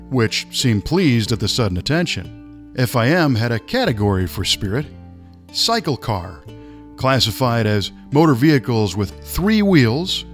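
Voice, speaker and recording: A man reading a nonfiction story aloud in a measured, dramatic way. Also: mid-range voice. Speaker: narrator. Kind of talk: scripted nonfiction narration.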